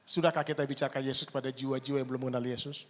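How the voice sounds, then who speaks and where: A middle-aged man preaching a sermon, telling stories and acting out the dialogue with lively energy. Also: mid-range voice, rapid-fire, slight background noise. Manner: animated storytelling, acting out dialogue. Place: church hall. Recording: long hall reverb.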